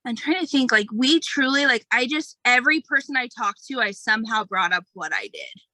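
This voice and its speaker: A woman's voice: fairly high pitch, sing-song, fairly quick, bright, forceful tone. A woman coaching over a video call, talking casually with lots of fillers like "like" and "um". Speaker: lash business owner and coach. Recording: glitchy video call audio, sometimes distant.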